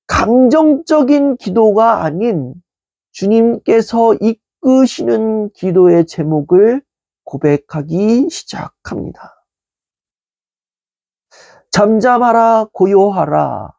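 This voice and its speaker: A pastor delivers a measured sermon in a warm, mellow voice with a gravelly edge. Quoted words come slower and softer. The sound is close and dry, with no room around it. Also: mid-range voice, no room sound. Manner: calm, measured preaching with soft, slowed quotations. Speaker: pastor leading an online prayer meeting.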